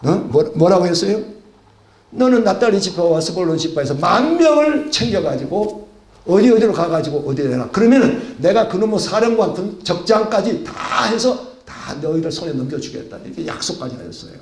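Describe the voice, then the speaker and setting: A man's voice: sits high, sing-song, fairly quick, darkish tone, roomy sound. A male pastor delivering a sermon, asking rhetorical questions and acting out the dialogue of biblical figures.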